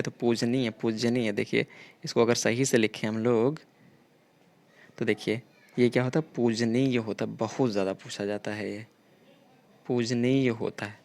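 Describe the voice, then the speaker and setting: A man teaching a grammar lesson for exam preparation, explaining correct spellings and idioms, often repeating himself. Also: medium pitch. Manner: repetitive, explanatory, keeps saying 'dekhiye' and 'theek hai'.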